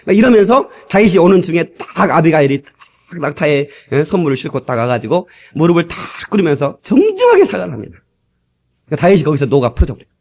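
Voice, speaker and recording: A middle-aged man preaching a sermon in a lively storytelling manner, acting out quarrels, from an old cassette tape. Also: fairly high pitch, fast. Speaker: pastor.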